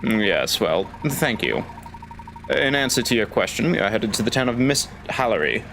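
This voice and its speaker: A man voicing a proper, formal English gentleman professor from a video game, speaking in a measured, polite way. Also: on the low side, very animated, vocal fry, soft background music, full character voice.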